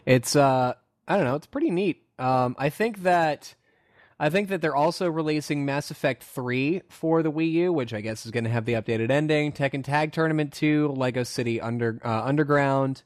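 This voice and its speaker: A man co-hosting a podcast in casual chat, talking loosely and jumping up in pitch when amused. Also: moderate pace, no echo, clean studio sound. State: hiccups. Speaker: podcast co-host.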